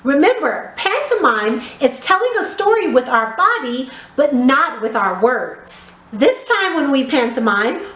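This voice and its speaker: In an echoey room, a woman who teaches children's theatre leads a group of little ones through drama exercises. Her high voice moves slowly and musically, each expressive instruction clearly articulated.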